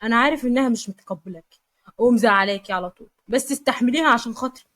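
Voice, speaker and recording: A woman with an Egyptian accent voicing a proud, quick-tempered young businessman husband in a spoken story. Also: on the high side, a bit bright, no room sound, close to an everyday voice. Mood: affectionate. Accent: Egyptian Arabic.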